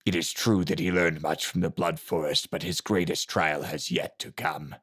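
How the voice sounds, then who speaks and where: Man voicing a gravelly, slow old assassin master. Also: fairly even intonation, a bit bright. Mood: cold. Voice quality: low gravelly voice. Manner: slow, cold, commanding. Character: old male assassin clan leader, menacing. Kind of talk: audiobook character voice.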